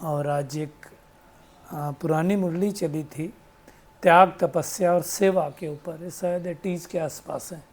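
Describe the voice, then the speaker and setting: A spiritual teacher with a fairly high, steady voice speaks slowly in a devotional discourse. He explains things patiently, quotes sayings, and poses rhetorical questions, often tagging them with "है ना?".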